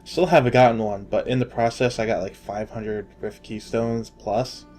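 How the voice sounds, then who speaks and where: A man's voice: fairly low pitch, steady tone, normal speed, a little mellow, faint music behind. A man hosting a casual gaming podcast, joking around and laughing often, trailing off into fillers as he talks. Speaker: podcast host.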